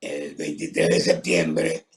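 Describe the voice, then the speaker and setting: An older man who speaks slowly and haltingly, his voice distorted and rough from a tracheotomy, answering interview questions. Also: rumbling low, big pitch swings, roomy sound, slight background noise. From Venezuela. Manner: slow, halting, with many pauses and fillers. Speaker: retired professor, guest.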